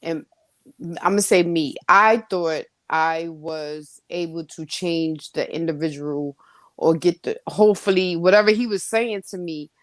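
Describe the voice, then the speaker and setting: A woman's voice: on the low side, unhurried, no echo. A woman podcast host asking probing, supportive follow-up questions and sharing her own experience.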